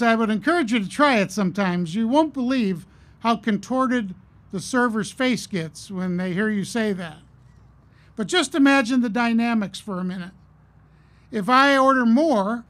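A middle-aged man giving a commencement address at a podium, earnest and measured, telling stories with pauses. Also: extremely high pitch, a bit bright. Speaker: commencement speaker. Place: outdoor stage at a podium. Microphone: podium mic on a stand.

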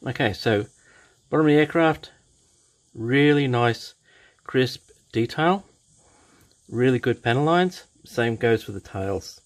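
A man's voice: medium pitch, expressive, slow pace, pauses often, rough recording. A man casually reviewing a plastic model kit as he shows the parts, enthusiastic and repeating his praise, with fillers.

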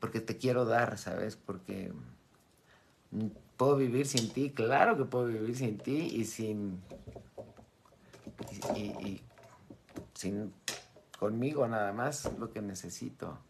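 A middle-aged woman giving an animated talk to her followers as a spiritual teacher, often acting out the voices she quotes and laughing. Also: a bass voice, takes it slowly, vocal fry, pauses often, a little hiss or hum. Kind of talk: live-streamed talk to followers.

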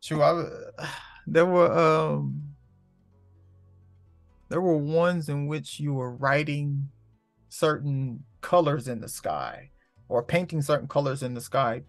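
A man hosts a casual spiritual talk and rambles through it with a gravelly voice. He swears freely and leans on street slang. The recording is dry and close, with faint music underneath. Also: on the high side, no echo. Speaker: host.

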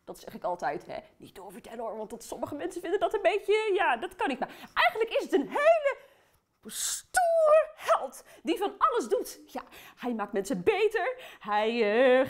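A woman playing bubbly Aunt Til, high and lively. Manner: playful, chatty, addresses children directly. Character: cheerful chatty aunt, playful and bubbly. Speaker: children's Bible storyteller. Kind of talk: children's Bible story for kids' TV.

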